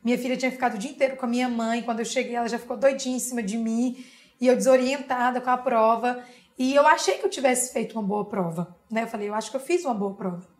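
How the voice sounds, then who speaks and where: High-voiced Brazilian woman telling her story. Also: fast talker. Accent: Brazilian Portuguese. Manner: lively storytelling with frequent tag questions. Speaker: interview guest. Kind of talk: personal story told in an interview.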